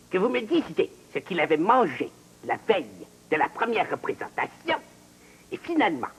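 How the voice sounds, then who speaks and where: Husky, wildly swooping quiz host. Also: male voice, sits high, long reverb tail, exaggerated voice, rough recording. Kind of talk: parody quiz show.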